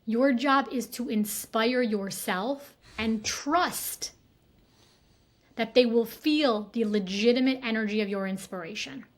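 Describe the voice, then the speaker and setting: Emphatic woman guest, higher voice. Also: slow pace. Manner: emphatic, earnest, speeds up in bursts. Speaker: guest consultant on workplace neuroscience. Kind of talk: casual interview conversation.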